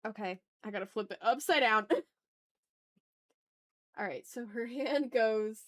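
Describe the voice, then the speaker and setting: A woman with a slightly high voice speaks a little slowly while hosting an art livestream. She chats informally and candidly as she draws, thinking aloud and swearing freely.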